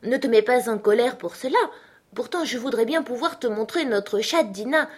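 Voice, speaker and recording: A woman's voice: a little high, expressive, moderate pace, voice pushed up. A woman voicing a curious, polite little girl who talks eagerly to please.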